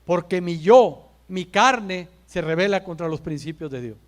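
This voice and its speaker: A man, a pastor, preaching a sermon in church, building his points with rhetorical questions, emphatic pauses and repeated calls of "brother". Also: sits high, expressive. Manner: addresses listeners as brother.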